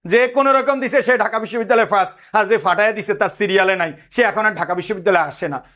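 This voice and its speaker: A young man teaching an admission test lesson, animated, quizzing students and answering his own questions. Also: high voice, fast talker.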